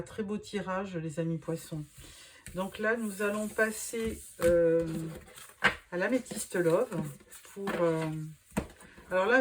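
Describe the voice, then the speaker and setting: A woman's voice: lowish voice, slight background noise. A middle-aged woman giving a tarot reading, hesitant and reassuring, speaking straight to the listener. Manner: hesitant, many filler sounds and restarts; reassuring, addresses the listener directly. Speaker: tarot reader.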